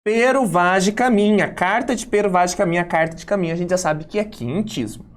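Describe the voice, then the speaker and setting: A woman's voice: fairly low pitch, a little fast. Breezy, chummy woman exam tutor. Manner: breezy, chummy, addresses students as young ones. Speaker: exam prep teacher. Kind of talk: casual classroom explanation.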